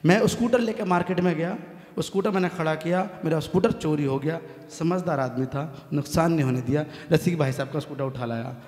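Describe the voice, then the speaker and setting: A man with a north Indian Hindi accent performing stand-up comic poetry on stage, punchy and building to loud punchlines. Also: on the high side, a little fast. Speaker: comic poet. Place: large hall stage at a poets' gathering. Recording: echoey hall with long reverb.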